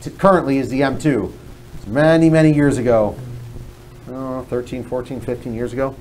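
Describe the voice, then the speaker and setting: A man co-hosting a casual livestream, upbeat and talking in quick bursts. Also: mid-range voice, fairly even intonation, darkish tone, a little hiss or hum, low-quality recording. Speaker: livestream co-host.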